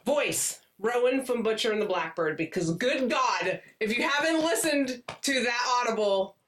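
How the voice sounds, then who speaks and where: A woman's voice: fairly high pitch, animated, normal speed, a bit bright, recorded from a distance. Woman, podcast co-host, casual book chat, giggly, laughs a lot, a bit off-mic. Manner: giggly and chatty, laughs often. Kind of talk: casual chat about romance books.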